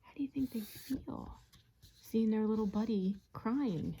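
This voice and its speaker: A teacher reading a picture book aloud to young children, pausing to ask them questions and often dropping into a soft whisper. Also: female voice, a little high, slight background noise. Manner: gentle, asks listeners questions, drops to whispers. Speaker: teacher reading to her class.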